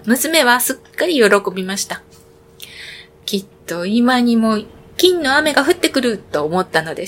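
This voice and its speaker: Woman storyteller, children's fairy-tale reading, clear and expressive, mid-pitched. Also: a little hiss or hum.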